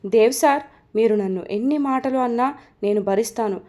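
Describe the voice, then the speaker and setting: A gentle young woman, hurt but holding back, who speaks softly and pleadingly, as a woman storyteller voices her. The voice is fairly high, in a spoken storybook. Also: a little fast, natural voice. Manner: soft, pleading.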